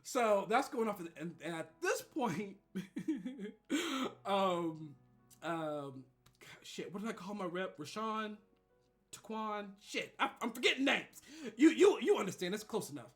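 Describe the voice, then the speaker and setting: A man streamer telling a story casually, animated and laughing often, swinging between loud and quiet. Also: sits high, slow pace, faint music behind.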